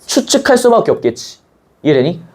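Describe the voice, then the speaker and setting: A man's voice: sits high, fairly quick. A man teaching a Korean language class in a casual, chatty way, talking to students in the room. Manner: animated, chatty, acts out scenes, blunt slang.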